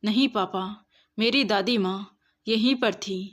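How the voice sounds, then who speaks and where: A woman's voice: medium pitch, measured pace, close to an everyday voice. A woman voicing a small, stubborn boy who pleads insistently in a storybook reading. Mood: sulky.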